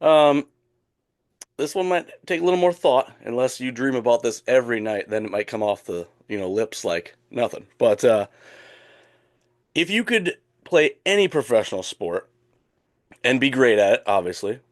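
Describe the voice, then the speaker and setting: A man's voice: medium pitch, lively intonation, normal speed. Nasal, phlegmy male sports show host. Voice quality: nasal, phlegmy, rattly chest. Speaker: podcast host. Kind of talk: casual sports chat.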